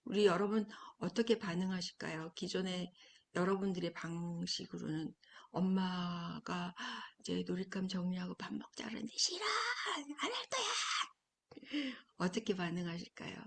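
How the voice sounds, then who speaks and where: A woman coaching parents in a lecture, explaining calmly and sometimes dropping to a soft near-whisper for emphasis. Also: on the low side, normal speed, creaky. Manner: acts out child and parent lines.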